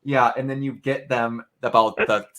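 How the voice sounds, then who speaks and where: A man's voice: medium pitch, steady tone, moderate pace, bright, forceful tone. A man in a casual spoiler review chat, rambling and acting out scenes in quoted voices. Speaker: game reviewer.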